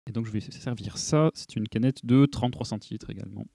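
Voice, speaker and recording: A man hosting a casual podcast chat about beer, relaxed and chatty with fillers. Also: lowish voice, brisk, vocal fry, no echo, studio quality.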